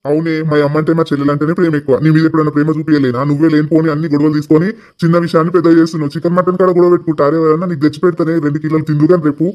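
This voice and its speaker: A man's voice: on the high side, level tone, racing, hardly any pauses, a little mellow, lo-fi sound, natural voice. A man playing an exasperated village husband. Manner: scolding, exasperated. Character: exasperated village husband caught between wife and sister.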